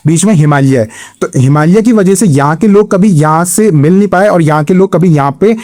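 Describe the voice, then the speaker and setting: A man's voice: high-pitched, a little mellow. Indian male teacher, rhetorical questions. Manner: explains step by step, asks and answers own questions, frequent "theek hai"; reads English questions slowly and deliberately. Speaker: exam coaching teacher. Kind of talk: Hindi-English exam lecture.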